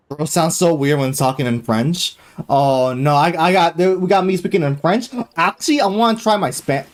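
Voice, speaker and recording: A young man with a mid-range voice chats loosely and excitably on a live gaming stream. He curses freely and leans heavily on fillers and slang.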